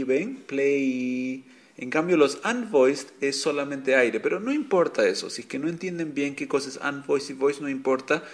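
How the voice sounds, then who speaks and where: A man teaching an online language lesson, patiently explaining rules step by step and repeating examples for his students. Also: mid-range voice. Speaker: English teacher.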